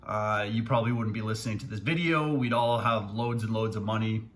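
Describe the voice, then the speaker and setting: A man's voice: lowish voice, a little fast, a little hiss or hum. Casual male financial advisor, many fillers. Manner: relaxed, many fillers, plainspoken. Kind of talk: casual video commentary.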